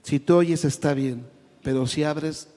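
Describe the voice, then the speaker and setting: A man's voice: fairly high pitch, steady tone, unhurried, mellow. A man giving an emotional church testimony, stumbling over repeated words and calling listeners brother. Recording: long hall reverb.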